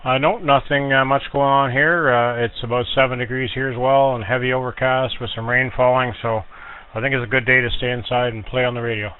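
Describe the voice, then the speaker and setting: A man running a ham radio net, taking check-ins in a relaxed, plain-spoken way. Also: mid-range voice, fairly quick. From Canada. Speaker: net control operator. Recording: tinny radio audio with noise.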